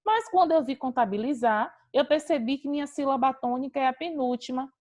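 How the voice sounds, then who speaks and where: A woman's voice: sits high, fairly quick, darkish tone, no room sound. Woman teacher on a video call, patient step-by-step explainer, dry close sound. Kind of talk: online class lecture.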